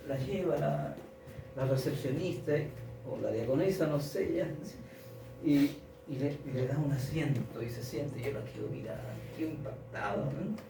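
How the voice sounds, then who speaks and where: Man, sermon storytelling, halting and repetitive, distant mic, clear background ambience. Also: on the high side, background noise. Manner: repetitive, halting retelling with many restarts. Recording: echoey room, distant mic, audible ambience.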